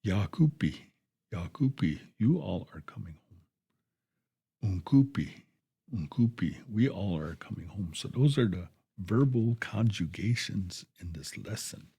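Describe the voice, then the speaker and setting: A man teaching a language lesson on the radio, repeating each phrase twice in a slow, patient drill, with a dry folksy humor. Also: sits low, expressive, gravelly, dark tone, slightly rough.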